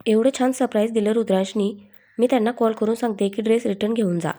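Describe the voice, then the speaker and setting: A woman's voice: fairly high pitch, fairly even intonation, fast, warm tone, lightly acted. A woman reading a sulky young woman pleading. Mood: stubborn. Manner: pleading, stubborn.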